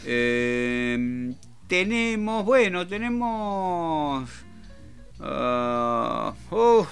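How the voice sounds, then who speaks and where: A man's voice: on the high side, big pitch swings, very slow, gravelly, a bit bright, clear, resonant tone, soft background music. Argentine guy hosting a show, rambly and jokey, voice swings up and down a lot. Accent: Rioplatense Argentine Spanish. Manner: rambling, jokey, self-amused. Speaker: radio show host. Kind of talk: casual talk-show chat.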